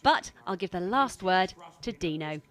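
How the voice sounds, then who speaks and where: A woman's voice: on the low side, animated, moderate pace, a bit bright. A woman reporter narrating a news feature voice-over, playful.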